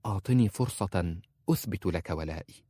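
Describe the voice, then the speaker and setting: Brief: male reader doing a clever, devoted young woman, soft and humble, quiet delivery. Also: low voice, brisk, husky, no echo, studio quality. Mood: pleading. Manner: soft, hushed and pleading. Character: young female slave girl, devoted and clever.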